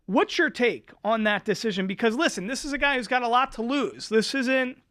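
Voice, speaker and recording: High-voiced energetic male sports host. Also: a little fast, dry recording, clean studio sound. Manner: energetic, emphatic. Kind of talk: studio sports talk. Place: studio.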